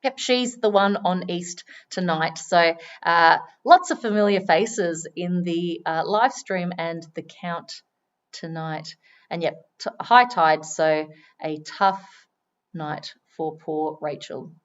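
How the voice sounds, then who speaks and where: A woman giving chatty live commentary on a wildlife stream, now and then breaking into excited exclamations. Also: on the low side, slow, highs cut off.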